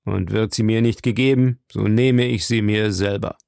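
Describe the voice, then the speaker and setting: A man's voice: on the low side, fairly even intonation, moderate pace, creaky, a little mellow, smooth, no echo, clean studio sound. A male reader voicing a stern English lord who accuses in a firm, indignant way. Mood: accusing.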